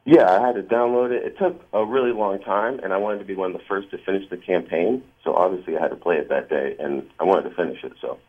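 A man's voice: sits low, fast, hardly any pauses. A man on a phone call to a radio show who sounds hesitant and sheepish, stammering as he explains himself. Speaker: caller. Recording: phone line.

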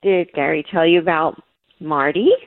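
A woman speaking over a phone line into a radio show, incredulous and quick to interject. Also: deep voice, no room sound. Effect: heard over a phone line.

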